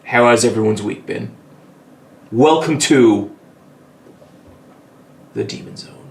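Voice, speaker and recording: A man's voice: mid-range voice, slow pace. A man streaming games in casual chat, his voice carrying a strong echo from the wrong mic being on. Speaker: game streamer.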